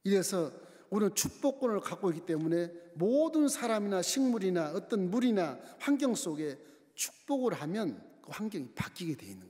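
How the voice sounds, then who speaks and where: A male pastor preaching in a high, lively voice, swinging up and down as he tells the story. The sound carries the long reverb of a church sanctuary. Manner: animated storytelling, acting out dialogue. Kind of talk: sermon.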